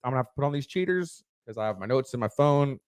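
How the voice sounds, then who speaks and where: A middle-aged man co-hosting a casual podcast, blunt and profane, halting with lots of fillers. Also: medium pitch, animated, a little mellow, smooth, dry recording. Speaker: podcast co-host. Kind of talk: casual chat.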